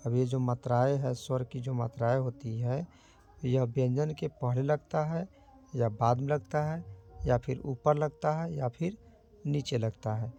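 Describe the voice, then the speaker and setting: A man teaching Hindi grammar, sounding out letters slowly and asking himself rhetorical questions to the viewer. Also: mid-range voice, steady tone, gravelly, warm tone. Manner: slow, careful sounding out of letters. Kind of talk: explaining grammar lesson.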